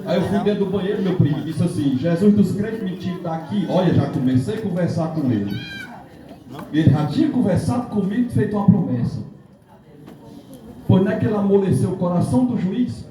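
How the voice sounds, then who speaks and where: A man's voice: sits high, fairly quick, mellow, slight background noise. Fervent man testifying. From Northeast Brazil. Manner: fervent storytelling, acting out dialogue, rising to exclamations. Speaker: police officer giving testimony. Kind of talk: church testimony. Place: church hall. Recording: echoey hall mic from far off with congregation.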